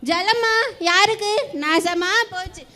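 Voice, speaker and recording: A school student voicing a harsh, scolding Brahmin wife in a stage play. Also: female voice, extremely high pitch, slow, crowd noise. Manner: sharp, scolding.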